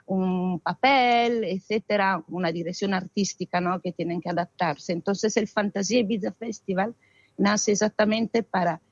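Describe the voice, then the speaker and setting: A woman's voice: medium pitch, normal speed, husky, muffled recording. A woman from Italy, answering interview questions expressively with frequent hesitations. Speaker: guest, arts festival founder.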